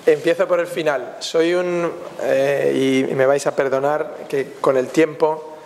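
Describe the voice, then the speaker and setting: A man's voice: on the high side, fairly even intonation, unhurried, a little mellow, slight background noise. A man from Spain, a film director answering questions at a press conference, telling anecdotes in a reflective way with frequent tag questions. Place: festival press room. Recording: long hall reverb.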